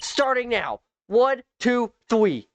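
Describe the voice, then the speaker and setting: A man's voice: fairly high pitch, expressive, moderate pace, slight background noise, close to an everyday voice. A man voicing a cranky, spiteful old woman security guard, with an indignant scolding manner.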